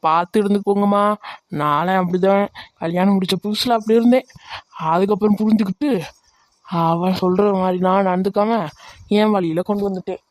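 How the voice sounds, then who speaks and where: A woman's voice: medium pitch, steady tone, fairly quick, long pauses, dry recording, close to an everyday voice. Cartoon son with a Tirunelveli Tamil accent, voiced by a woman, blunt and teasing, dry sound. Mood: warning. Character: blunt grown son, married, cheeky toward his mother.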